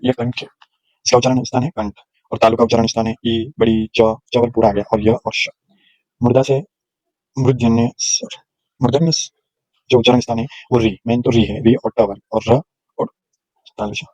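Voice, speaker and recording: A man's voice: medium pitch, a little mellow, poor audio. A male teacher giving a grammar lesson, explaining patiently and sounding out letters one at a time. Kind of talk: classroom lecture on grammar.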